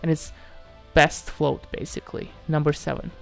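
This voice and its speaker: Faint music plays behind a Moldovan live streamer who answers chat questions in a casual way. His voice is a little high and creaky, with a level tone and normal speed. He is hesitant, repeats himself a lot, and lets sentences trail off.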